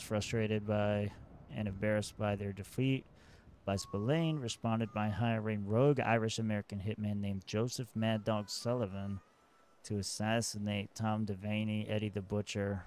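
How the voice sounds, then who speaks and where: A game streamer, a man, reading notes aloud and thinking out loud in casual commentary. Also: on the low side.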